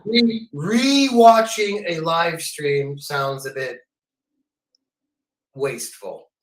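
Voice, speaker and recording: Man, cave-like echo, roomy hollow call audio, slightly high voice, interjecting, challenging, casual heated discussion. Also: very slow. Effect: cave-like echo on his audio. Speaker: call-in participant. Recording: echoey, cave-like remote audio.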